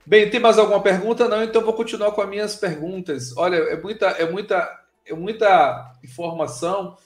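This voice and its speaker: A higher-pitched man from Bahia hosts a live online chat, speaking. He talks in a relaxed, informal way, with plenty of filler words. His voice carries a noticeable room echo. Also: fairly quick, soft background music. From Bahia, Brazil. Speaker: live show host. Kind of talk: casual live interview.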